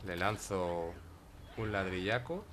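A man's voice: sits low, slow pace, a bit bright, a little hiss or hum. A man with a Spain Spanish accent giving casual gameplay commentary, chatty and talking to himself and his cat. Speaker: gaming YouTuber.

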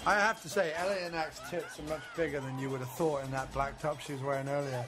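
A man's voice: a little high, fairly even intonation, fast, music in the background. A man co-hosting a casual film commentary podcast, joking crudely and breaking into silly voices. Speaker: podcast co-host. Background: film soundtrack playing.

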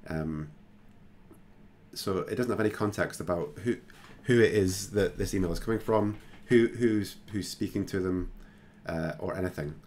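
A man hosting a screen-recorded software tutorial, talking casually and thinking aloud with plenty of fillers. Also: sits low, moderate pace, slight background noise. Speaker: tutorial host.

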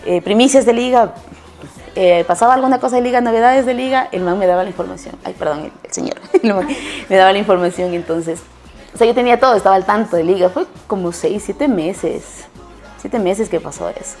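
A woman's voice: medium pitch, brisk, a little mellow, soft background music. A woman sports journalist with an Ecuadorian accent, chatting in an interview and telling stories, with many restarts and self-corrections. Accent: Ecuadorian Spanish. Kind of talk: casual interview answers and storytelling.

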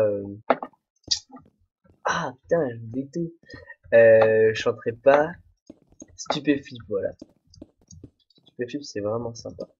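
A young man chats casually over his gameplay, rambling and mocking himself as he goes. His voice is a little husky, mid-pitched, and the recording sounds dull and muffled, like a cheap home mic. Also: darkish tone. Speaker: let's play host. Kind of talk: casual solo gameplay commentary. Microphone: desk microphone, no headphones.

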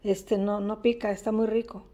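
A woman hosting a casual home cooking demonstration, chatting in a homely, unhurried way in an indoor kitchen. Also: mid-range voice, flat delivery, mellow. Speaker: host of a home cooking channel. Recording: faint-to-clear background noise, home kitchen.

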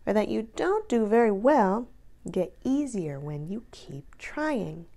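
This woman's voice sits at a medium pitch as she reads a children's book aloud, expressive and unhurried, lengthening the key words for emphasis.

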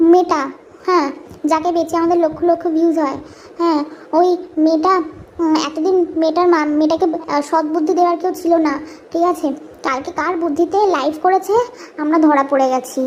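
A woman playing a scheming, money-hungry vlogger mother with a hoarse voice, chattering brazenly to her viewers in a satirical live-stream parody. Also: very high voice, a little mellow, slight background noise.

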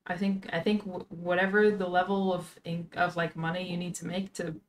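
Low-voiced woman in her twenties. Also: level tone, normal speed, a little hiss or hum. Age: 20s. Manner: earnest, thinks aloud. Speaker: podcast host. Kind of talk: casual chat. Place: home streaming room.

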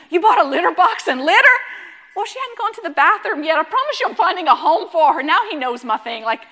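A woman pastor, preaching a sermon in an animated, humorous way. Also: extremely high pitch, brisk.

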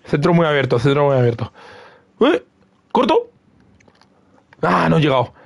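A young man streaming a football video game live, giving excitable running commentary on his own play and repeating words. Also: on the high side, normal speed, creaky. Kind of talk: live gaming stream chat with friends.

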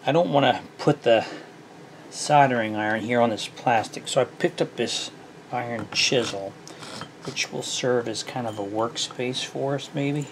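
In this casual repair tutorial, a middle-aged man who hosts a small engine repair show works at his bench, musing aloud with easygoing self-deprecation. He speaks at a measured pace in a mid-range voice, and there's a slight hiss or hum.

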